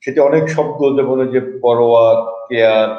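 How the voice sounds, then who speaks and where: A man's voice: medium pitch, fairly quick, roomy sound, muffled recording, noisy background. A man judging a recitation contest, explaining pronunciation and repeating the sounds to demonstrate them. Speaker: recitation competition judge. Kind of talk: spoken pronunciation lesson. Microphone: video call.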